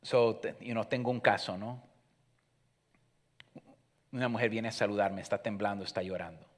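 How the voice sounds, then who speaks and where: Low-voiced male pastor in echoing hall. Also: steady tone, moderate pace. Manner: swings from hushed storytelling to loud emphatic preaching; mixes in English fillers. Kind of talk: sermon. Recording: long hall reverb.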